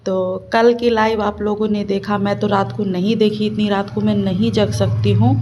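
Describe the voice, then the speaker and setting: A woman's voice: medium pitch, warm tone, a little hiss or hum. A woman reaction vlogger talking to her viewers in casual commentary, chatty and scolding by turns.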